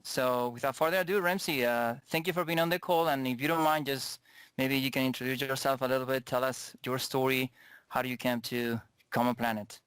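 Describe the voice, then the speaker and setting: A man's voice: medium pitch, steady tone, a little fast, fairly bright tone, clear, resonant tone, no echo. A man hosting an online interview over a video call, introducing his guest politely and a little hesitantly. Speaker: host.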